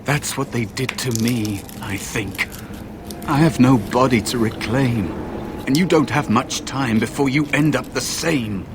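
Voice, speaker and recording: An actor playing a wary, sorrowful spirit of a lost young apprentice in a fantasy video game, hesitant and cautionary. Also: male voice, medium pitch, measured pace, noisy background, natural voice. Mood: wistful.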